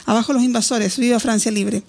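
A woman plays an exalted visionary in an audiobook, proclaiming her powers with fierce insistence. Her voice carries a gravelly edge. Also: on the high side, fairly even intonation, fairly quick, darkish tone. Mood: shouting.

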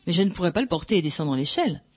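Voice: medium pitch, sing-song, rapid-fire, husky, no room sound. Brief: reader doing a worn-out priest in a read-aloud novel, faintly bitter. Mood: weary. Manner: tired, faintly bitter delivery. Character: weary, irritated young priest.

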